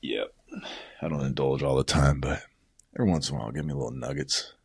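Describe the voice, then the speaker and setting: A man's voice: extremely low pitch, steady tone, quick pace, creaky, slightly rough. A man casually recapping fight events at home, rambling and swearing, tossing in "bro" and "man" constantly. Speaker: combat sports vlogger.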